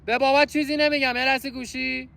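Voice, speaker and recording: The young man pranking people on hidden camera in a park has a very high voice, flat and creaky with a sharp tone. His manner is brash, pushy, and mock-scolding, all teasing banter, while music plays in the background.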